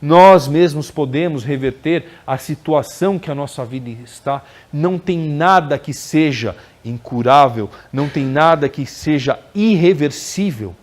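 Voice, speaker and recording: A man's voice: on the high side, a little slow, few pauses. A man giving a conversational spiritual lecture at a spiritist center, often ending phrases with tag questions. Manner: conversational, frequent tag questions, acts out quoted dialogue.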